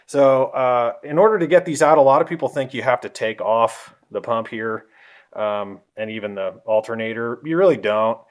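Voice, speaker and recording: A man giving a casual how-to walkthrough of an engine in a garage, talking in a relaxed, rambling way with ums and self-corrections, a little out of breath. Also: mid-range voice, moderate pace. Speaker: car hobbyist vlogger.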